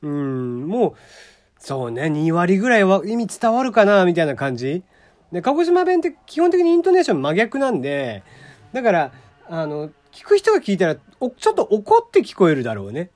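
A man from Kagoshima, Japan, hosts a relaxed, casual solo podcast, keeping the talk chatty, loose and brisk. His pitch rises and falls freely as he speaks, and he laughs often and relies heavily on fillers.

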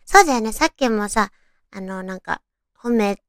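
As the solo host of an audio talk show, a woman chats casually and girlishly, reading out romantic material and adding her own reactions. Her medium-pitched voice is a bit bright with lively intonation at normal speed, in studio-quality sound with no echo.

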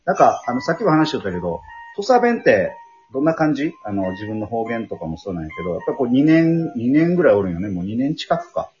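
Expressive host with a lively pitch. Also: male voice, quick pace, highs cut off, faint music behind. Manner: friendly interviewer, laughs easily. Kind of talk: casual chat.

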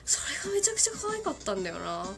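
A woman's voice: sits high, wildly swooping pitch, very fast, creaky, faint music behind. Giggly woman host with a cold. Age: 30s. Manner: giggly, chatty, doing cartoon character impressions. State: has a cold, sniffling. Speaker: radio show host. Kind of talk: casual solo radio chat.

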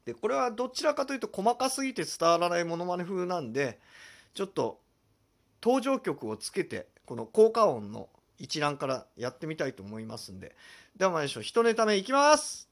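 Man, solo comedy host, high voice, very animated, self-deprecating. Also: a little fast. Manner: lively, animated, self-deprecating, explains his impressions. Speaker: podcast host. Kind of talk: solo comedy talk show.

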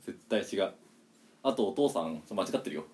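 A young man co-hosting a casual podcast chat, teasing his partner with quick retorts. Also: low voice, animated, a little mellow. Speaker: podcast co-host.

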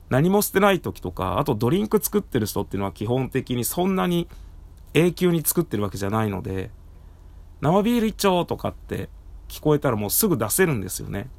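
Hoarse man talking through a face mask. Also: fairly low pitch, darkish tone. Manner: speaking through a face mask, slightly muffled. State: hoarse, worn-out throat. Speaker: podcast host and live streamer. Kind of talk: casual solo talk. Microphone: recorded through a face mask.

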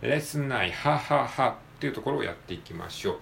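A man practicing reading aloud, repeating single words over and over and calmly explaining the pronunciation points in between. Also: medium pitch, fast talker, gravelly, echoey room, a little hiss or hum. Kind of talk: self-study pronunciation practice.

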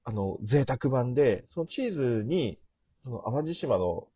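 A middle-aged man with a rough, gravelly voice, chatting casually as a podcast guest. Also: mid-range voice, sing-song, unhurried, dark tone, no room sound. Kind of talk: casual chat. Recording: dull, muffled lo-fi audio.

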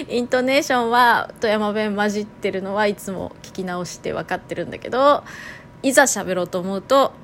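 A very animated woman with a medium-pitched, somewhat bright voice hosts her own internet radio show at a moderate pace. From Toyama, Japan, with a Toyama Japanese accent, she muses casually in solo talk, amused at herself, over slight background noise.

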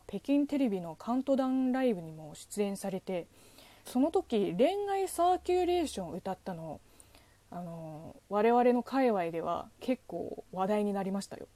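A woman's voice: medium pitch, dark tone, no echo. A woman from China with a Chinese accent, hosting a solo podcast and answering a listener letter with playful, teasing asides. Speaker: podcast host.

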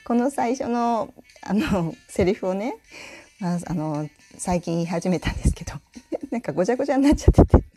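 A Japanese woman from Tokushima with a mixed Tokushima and Kansai accent, hosting her own radio talk in a chatty, laughing manner. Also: lowish voice. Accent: Tokushima and Kansai mix. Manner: chatty, animated, laughs often. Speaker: podcast host and color school head. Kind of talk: casual solo radio talk.

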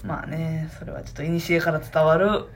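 A woman's voice: low-pitched, fairly even intonation, moderate pace, creaky. A woman with a Kansai accent, co-hosting a casual comedy radio chat and throwing in goofy asides. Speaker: comedy duo radio co-host.

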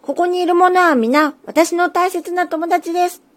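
A woman voicing a small, earnest tengu boy who speaks up in a high, firm voice in a children's story. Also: fairly even intonation, measured pace. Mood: pleading.

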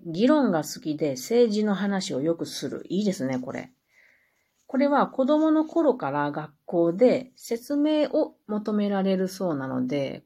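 A woman, hosting a casual solo talk show in a chatty way, laughing at herself and adding lively asides. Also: sits low, slightly rough. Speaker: podcast host.

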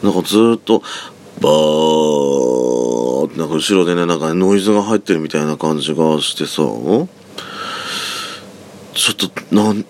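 Sleepy, raspy low-voiced man chatting. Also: slight background noise. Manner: chatty, drifting, uses soft feminine speech endings. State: sleepy just-woken voice. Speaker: solo podcast host. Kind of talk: casual rambling solo talk. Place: room at home. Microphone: phone app mic set back from the mouth. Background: faint background music.

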